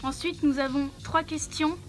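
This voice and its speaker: Young woman, high bright pitch, muffled through a costume head, hesitant chatty host with lots of fillers, faint music behind. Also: fairly even intonation, moderate pace. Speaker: channel host answering questions. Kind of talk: casual Q&A vlog.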